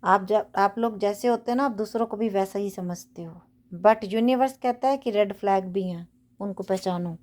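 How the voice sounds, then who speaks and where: A woman with a medium-pitched, slightly mellow voice reads tarot at a moderate pace for her viewers, her cards laid out on the bed in her bedroom. The reading is casual yet earnest and preachy, full of repeated phrases and English affirmations.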